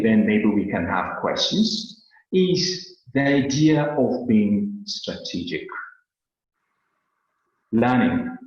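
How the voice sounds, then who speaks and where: A Kenyan man teaching a webinar in an earnest, animated way, his pitch rising and falling widely as he explains. He often repeats a word while searching for the next. The sound is heavily echoey and dull, like lo-fi online-meeting audio. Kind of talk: lecture on a webinar.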